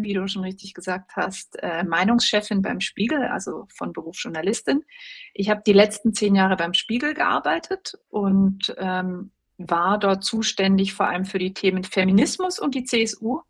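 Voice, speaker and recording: A woman in her forties speaks with a gravelly, fry-tinged voice at a middle pitch. She answers interview questions thoughtfully, pausing on fillers and laughing lightly now and then. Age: 40s. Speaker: guest, journalist. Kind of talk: casual interview talk.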